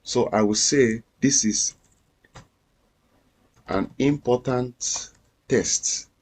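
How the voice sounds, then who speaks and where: A man walks through a coding tutorial at an unhurried pace, repeating each step patiently. His voice is slightly husky, his pitch sits in the middle, and keyboard typing and clicks can be heard under his speech. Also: a little mellow. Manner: patient, repetitive step-by-step explaining. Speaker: coding instructor. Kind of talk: screen-recorded coding tutorial.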